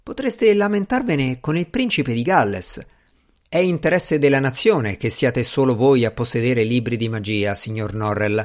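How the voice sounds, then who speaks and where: A man reading a flattering society gossip. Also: mid-range voice, moderate pace, natural voice. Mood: eager.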